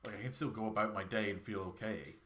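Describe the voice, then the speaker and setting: He talks fast in a lowish voice with fairly even intonation and a fairly bright tone. A Scotsman with a Perthshire accent, he's fighting a cold that leaves his throat scratchy, and he rambles, chats and makes fun of himself during a casual game stream.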